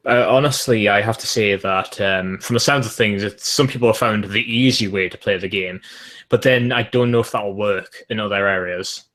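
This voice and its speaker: A man's voice: lowish voice, moderate pace, fairly bright tone. A man co-hosting a casual podcast, laid-back and playfully riffing on jokes. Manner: joking, laid-back, riffs on silly ideas. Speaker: podcast co-host.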